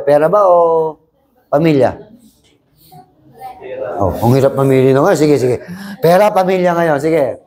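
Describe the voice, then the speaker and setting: A man runs a language lesson, moving between Tagalog, English and Korean as he explains grammar. His voice is mellow and warm, and he keeps the class repeating lines together. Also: medium pitch. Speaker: language teacher. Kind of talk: Korean exam review class.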